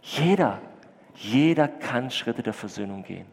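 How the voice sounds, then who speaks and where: Male pastor, earnest conversational sermon, mid-pitched, echoing church hall. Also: expressive, a little slow, creaky, slightly rough. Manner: earnest, conversational, swings loud and soft. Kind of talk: sermon with storytelling.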